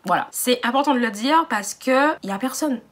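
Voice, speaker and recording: Young woman telling a lively slangy story. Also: high-pitched, moderate pace. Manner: animated slangy storytelling, addresses viewers directly. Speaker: vlogger. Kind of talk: storytime vlog.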